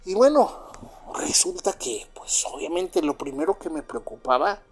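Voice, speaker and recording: A man's voice: fairly high pitch, lively intonation, a little slow. Mexican guy telling his own scary story, chatty and rambling, faint music behind. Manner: rambling, filler-heavy with frequent "pues" and "¿verdad?". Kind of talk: first-person true story.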